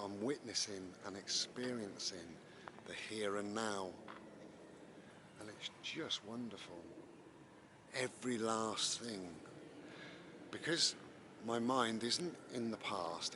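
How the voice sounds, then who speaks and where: Male, fairly deep, unhurried and repetitive, casual walking meditation, noisy open-air sound. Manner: unhurried, musing, repeating phrases. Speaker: vlogger guiding mindfulness and breathing. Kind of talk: casual spoken meditation while walking outdoors. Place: outdoors, walking in the countryside. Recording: noisy outdoor walking recording.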